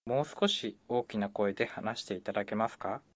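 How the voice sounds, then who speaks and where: A man's voice: lowish voice, a little hiss or hum. Man narrating a scripted language lesson. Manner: measured, explanatory.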